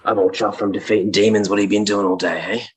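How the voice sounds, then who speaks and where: A man's voice: on the low side, flat delivery, quick pace, breathy edge. A man playing a tabletop game, hesitant with a dry humor. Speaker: player. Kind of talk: casual tabletop play.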